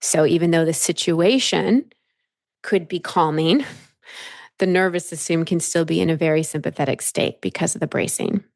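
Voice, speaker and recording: Calm, gravelly-voiced female coach. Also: deep voice, moderate pace, dry recording, studio quality. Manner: calm, explains patiently with repeated phrases. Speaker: life coach. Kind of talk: coaching session.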